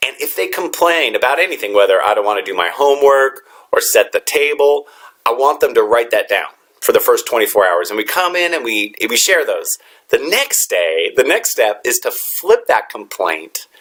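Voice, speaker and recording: A man's voice: medium pitch, moderate pace. A man who is a teacher, giving a motivational talk to fellow educators in an earnest storytelling manner. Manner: earnest storytelling with lively quoted dialogue.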